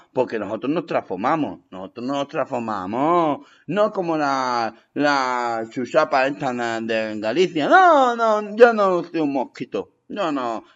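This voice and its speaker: In an improvised comedy sketch, a man appears as a comic guest in character as a boastful, rambling old male vampire, giggling and breaking into squeaky shouts. The audio sounds dull.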